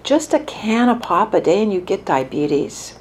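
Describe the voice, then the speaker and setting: A woman reading the lines of an earnest, wistful teenage girl in a story, in a soft, mournful voice. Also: medium pitch, big pitch swings, unhurried, a little hiss or hum.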